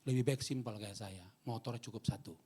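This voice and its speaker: A male pastor, preaching a sermon in a church hall. He jokes with the congregation and swings between loud preaching and quiet asides. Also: mid-range voice, brisk, husky. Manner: animated, joking with the congregation.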